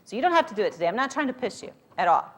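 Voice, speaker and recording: A woman's voice: a little high, sing-song, very fast. A woman giving a motivational talk to a live audience, speaking informally and directly, coaxing her listeners. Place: speaking live at a group event.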